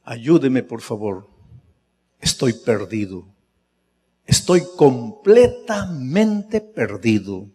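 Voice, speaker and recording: A man's voice: mid-range voice, sing-song, extremely slow, warm tone, breathy edge, heavily acted. Pastor voicing a desperate weeping young man. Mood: pleading. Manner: pleading, broken and subdued.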